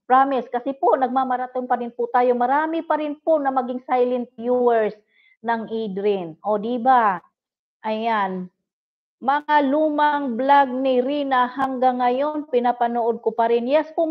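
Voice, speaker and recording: A middle-aged woman hosting a livestream, chatting casually and politely with viewers and giggling often. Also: high-pitched. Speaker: livestream host. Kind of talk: casual live chat reading viewer comments. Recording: dull lo-fi livestream audio.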